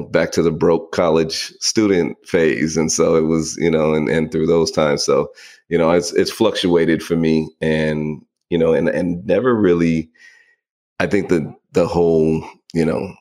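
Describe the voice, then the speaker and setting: A man in his forties from the Bay Area, co-hosting a podcast in relaxed, rambling casual chat. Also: extremely low pitch. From San Francisco Bay Area. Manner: relaxed, rambling, many fillers. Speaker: podcast co-host.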